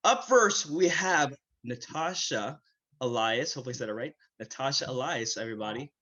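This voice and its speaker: A man's voice: medium pitch, a little fast, muffled recording, noisy background. A man hosting an online performance event, speaking loosely with lots of fillers. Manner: loose and chatty, many fillers. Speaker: host. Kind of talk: casual hosting. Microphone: video call.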